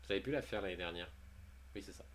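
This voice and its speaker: A man's voice: low voice, fast, slight background noise. A man chatting casually on a livestream, reading posts aloud and commenting on them with jokes and frequent laughs. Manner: chatty, jokey, often laughing. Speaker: streamer.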